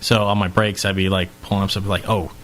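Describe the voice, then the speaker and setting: Male podcast co-host, excitable storyteller who acts out the quotes he tells. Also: low voice, fast talker. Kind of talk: casual chat.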